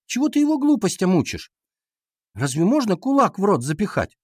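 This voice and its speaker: A man voicing an excitable, fussy young schoolgirl in a children's audiobook, shrill and alarmed. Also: brisk, no room sound, clean studio sound. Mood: indignant.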